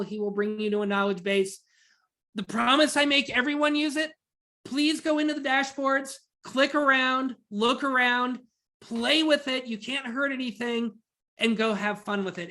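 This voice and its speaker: A man giving a rapid, enthusiastic webinar presentation over a video call, talking like an auctioneer. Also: very high voice, bright, forceful tone. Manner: rapid, enthusiastic, self-described nerd. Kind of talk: fast-paced webinar presentation.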